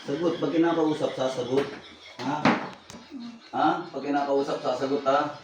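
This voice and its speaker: A man with a fairly high, steady voice speaks at a normal speed while music plays behind him. He is a faith healer conducting a healing rite, commanding, repeating short questions, and chanting incantations as he interrogates a spirit. The recording is echoey, distant, and noisy, made in a room.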